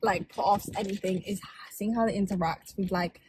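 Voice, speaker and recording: A woman's voice: mid-range voice, steady tone, moderate pace, background noise. A woman co-hosting a casual chat, blunt and opinionated, with plenty of slang. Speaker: co-host.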